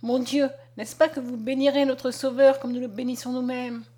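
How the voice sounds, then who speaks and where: An emotional young girl, read by a woman in a storybook, fervent and full of gratitude. She exclaims her words in a higher, brighter register. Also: flat delivery, moderate pace.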